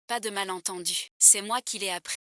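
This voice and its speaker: A woman's voice: mid-range voice, steady tone, a little fast, bright, forceful tone, dry recording, clean studio sound, natural voice. A woman voicing a protective young mother in a dubbed drama, speaking in a firm, direct way.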